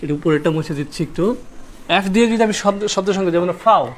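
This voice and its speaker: A man's voice: sits high, fast talker, a little hiss or hum. A man teaching English grammar at a whiteboard, repeating key points and quizzing his students with rhetorical questions.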